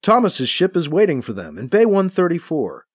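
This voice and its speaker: A man reading scripted audiobook narration of a science-fiction story in a steady, storytelling manner. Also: on the high side, normal speed, no echo, studio quality.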